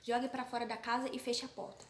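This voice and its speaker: Woman doing a bossy young prince, brazilian accent, snappy and dismissive, a bit high. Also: little pitch movement, echoey room, a little hiss or hum, close to an everyday voice. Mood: curt. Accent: Brazilian Portuguese. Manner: curt, dismissive, rapid. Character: spoiled selfish young prince, demanding.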